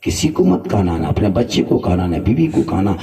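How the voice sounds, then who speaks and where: A man voicing a saint who gives slow, soothing, measured counsel. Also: deep voice, sing-song, warm tone, voice pushed down. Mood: reassuring. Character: calm male saint giving counsel. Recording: distant mic, crowd around.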